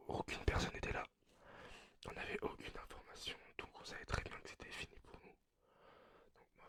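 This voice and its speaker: Whispered role-play: male performer as nervous male doomsday survivor, halting delivery through a face mask, sharp breathy whisper. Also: natural voice. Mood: resigned. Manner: hesitant, halting storytelling. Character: anxious male survivor of a meteorite apocalypse.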